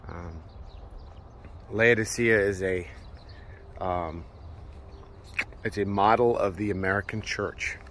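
A man's voice: deep voice, takes it slowly, long pauses, a bit bright, a little hiss or hum. A man in his thirties filming himself on a phone at outdoor ruins, preaching earnestly with many filler words. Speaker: preacher vlogger. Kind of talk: outdoor walking vlog with preaching. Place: outdoor ancient ruins, open hillside. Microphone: phone held at arm's length.

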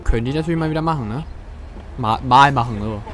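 Joking German male streamer at mid pitch, chatty and crude, faint game music underneath. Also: quick pace, fairly bright tone. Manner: chatty, joking, swears freely, talks to chat. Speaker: gaming streamer. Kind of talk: casual let's-play commentary.

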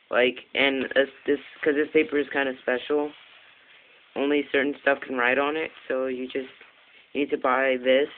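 A man with a flat, mid-range voice gives an improvised, casual how-to as a video maker. He records on a handheld Android phone, so the audio sounds tinny with clear background noise.

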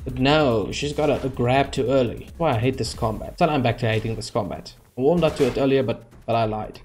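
A man's voice: medium pitch, a little fast, a little mellow, soft background music. A young man giving let's-play commentary, frustrated and sarcastic, talking back at the characters on screen. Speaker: gaming channel host. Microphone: desk microphone.

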